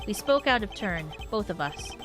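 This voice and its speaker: A woman's voice: medium pitch, animated, close to an everyday voice. A woman voicing a composed male prosecutor who speaks formally and carefully. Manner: measured and formal. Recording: game music behind the voice.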